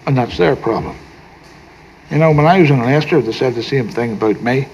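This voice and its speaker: An older man with a Northern Irish accent playing a gentle, wise, teasing grandfather in a film drama, soft-spoken and wry. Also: mid-range voice, fairly quick, muffled recording, slight background noise, close to an everyday voice.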